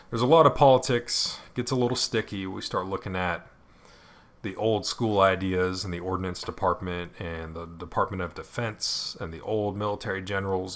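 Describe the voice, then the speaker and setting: A man's voice: low voice, a bit bright. A man hosting a solo podcast, explaining things in a conversational way with frequent fillers and asides. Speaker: podcast host.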